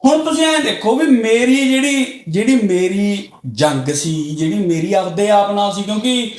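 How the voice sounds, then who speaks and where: A middle-aged man from Punjab, a podcast guest telling stories candidly and getting loud and excited as he talks. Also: sits high, normal speed. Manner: loud and excitable when talking. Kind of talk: candid conversational storytelling. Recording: roomy echoey room.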